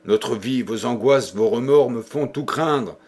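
An anxious, horrified young man presses with urgent questions, as an audiobook reader voices him. The voice stays at a middling male pitch. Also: a little slow, darkish tone, husky. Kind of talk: audiobook reading.

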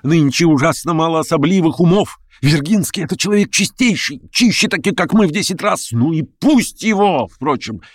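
A man voicing a frantic, feverish young male conspirator who pleads in a high, breathless rush. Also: lively intonation, moderate pace, hardly any pauses, no room sound. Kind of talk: audiobook character reading.

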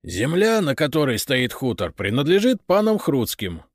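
A man voicing a frightened middle-aged farmer and father who speaks hoarsely and pleads for his son. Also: medium pitch, huge pitch swings, normal speed, no room sound, clean studio sound, voice pushed up. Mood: fearful. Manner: pleading, anxious.

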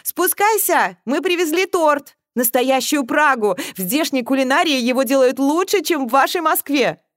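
A woman's voice: medium pitch, moderate pace, no echo, studio quality, natural voice. A woman reading a bold young woman sleuth. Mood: loud, defiant. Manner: accusing, then shaky.

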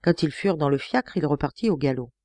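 A woman reading a novel aloud as an audiobook narrator, in a measured storytelling voice. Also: sits low, animated, darkish tone, no echo. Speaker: audiobook reader.

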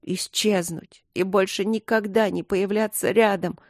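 A woman voicing a young wife who is exhausted and shouting through her tears. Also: lowish voice, expressive, moderate pace, no echo, clean studio sound, natural voice. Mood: angry.

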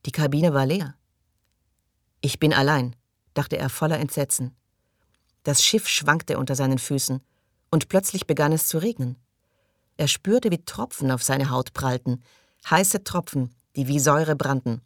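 A man narrating a science-fiction audiobook in a measured reading style, dropping quieter at tense moments. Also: on the high side, no echo, clean studio sound. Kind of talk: scripted narration.

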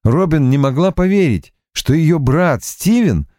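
Male audiobook narrator, expressive, animated delivery, dry close-mic sound. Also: a little high, dry recording. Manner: expressive, measured reading.

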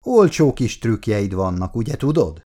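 A man's voice: lowish voice, sing-song, dark tone. A male audiobook reader voicing a vulgar, joking young man who teases his partner. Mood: teasing. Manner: vulgar, teasing banter. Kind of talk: audiobook character voice.

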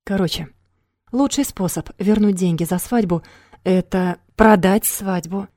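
A woman reading an audiobook, voicing a brash, scheming young man who talks loud and pushy. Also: mid-range voice, measured pace, no echo, clean studio sound, lightly acted.

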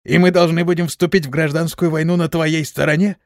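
A man's voice: on the high side, steady tone, a little fast, no echo, clean studio sound, pitched above the performer's own voice, lightly acted. A man doing a growling orc chief. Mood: wary. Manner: growling, blunt. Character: gruff male orc warrior chief, blunt and quick-tempered. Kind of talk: audiobook character reading.

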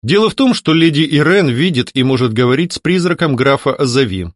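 A man voicing a lawyer who explains matters in a measured way. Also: mid-range voice, expressive, dry recording, clean studio sound, lightly acted. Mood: explaining. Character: male lawyer, calm and explanatory.

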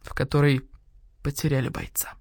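A woman narrating a children's audiobook in an expressive, animated storytelling manner. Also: low voice, moderate pace, no echo, studio quality.

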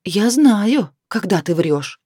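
A woman's voice: mid-range voice, very animated, takes it slowly, mellow, dry recording, studio quality. A woman reading the part of an irritable clairvoyant wife who scolds her husband. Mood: cold, tired. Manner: indignant, reproachful.

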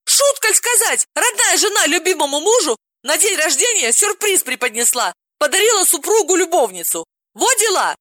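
A woman voicing an excitable, gossipy woman friend who gasps and exclaims dramatically in an audiobook. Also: very high voice, moderate pace, no room sound, clean studio sound, pitched above the performer's own voice, heavily acted. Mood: dramatic. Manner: gasping, exclaiming, over-dramatic.

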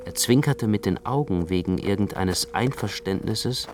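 An actor playing an anxious, introspective young man who narrates his own night walk in a literary radio play, speaking in a measured, intense way. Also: fairly low pitch, music in the background, lightly acted. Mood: brooding. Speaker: first-person narrator.

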